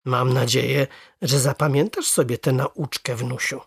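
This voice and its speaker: A storyteller voicing a calm, wise grandfather who speaks low and soft in a children's story. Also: gravelly, breathy edge, no echo, studio quality. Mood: gently stern. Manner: quiet, low, measured.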